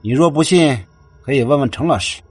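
A man's voice: medium pitch, a little fast, husky, dry recording, soft background music, natural voice. A man voicing a domineering, scornful middle-aged mother who sneers and insists on having her way. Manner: sneering, bossy.

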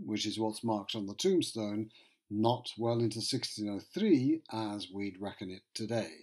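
A man's voice: medium pitch, a little mellow. Wry male history narrator. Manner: wry, conversational storytelling with asides. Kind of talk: scripted narration.

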